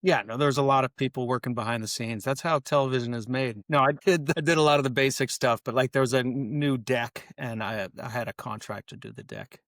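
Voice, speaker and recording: A man's voice: mid-range voice, expressive, fairly quick, few pauses, a bit bright, no room sound. Wry, self-deprecating male podcast guest. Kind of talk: casual interview chat.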